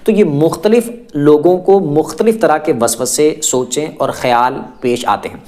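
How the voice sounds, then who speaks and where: A man's voice: on the high side, a little mellow. A man giving a reassuring, explanatory religious talk to viewers, repeating phrases and listing many examples one after another. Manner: repetitive, lists many examples. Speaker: religious teacher.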